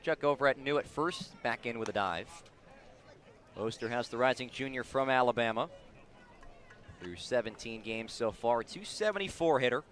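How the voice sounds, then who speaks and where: This man's voice sits at a medium pitch, lively in intonation and moderate in pace, with a fairly bright tone. He's giving live radio play-by-play of a baseball game outdoors at the ballpark, his clipped calls rising with each play.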